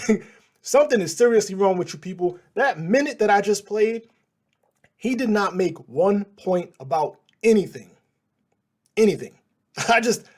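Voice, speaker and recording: A man's voice: sits high, a little mellow. A man hosting a news channel, reacting to clips in a casual, sarcastic and exasperated way.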